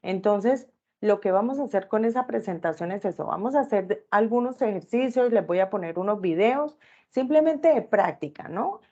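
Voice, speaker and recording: A woman's voice: mid-range voice, animated, normal speed, mellow, dull audio. Teacher checking in with her class. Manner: checks in with listeners often with tag questions.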